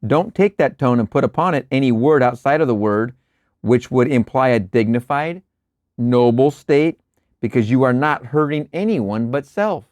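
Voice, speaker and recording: A man with an ordinary mid-range voice reads lecture passages slowly and deliberately. He drops into casual asides and small chuckles between readings. The sound is dry and close. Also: mid-range voice, lively intonation, darkish tone, no echo. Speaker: host reading and explaining lectures. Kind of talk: reading aloud with casual commentary.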